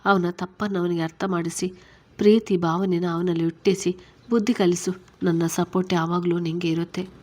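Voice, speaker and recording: A woman reading a story, voicing a caring middle-aged mother-in-law who gently reassures her daughter-in-law. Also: on the low side, fairly even intonation, normal speed, close to an everyday voice. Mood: reassuring.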